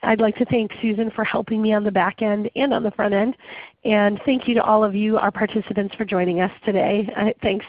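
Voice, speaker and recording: A woman's voice: medium pitch, steady tone, fairly quick, dry recording. A woman hosts an online webinar while under the weather, her voice muffled from a cold. She speaks conversationally, filling gaps with ums and uhs. The audio is dry and narrow, like a phone line. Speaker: webinar host. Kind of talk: hosting a webinar. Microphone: webinar call audio.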